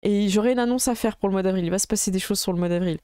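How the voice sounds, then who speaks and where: A woman game master chatting casually as she wraps up a live stream, halting often with fillers. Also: mid-range voice, warm tone, no echo, studio quality.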